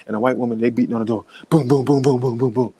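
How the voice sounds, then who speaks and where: A man's voice: medium pitch, fairly even intonation, very fast, dark tone, breathy edge, no echo, rough recording. A man telling a story to camera at home, casually and profanely, often laughing and talking straight to his viewers. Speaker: vlogger. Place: at home with his young son.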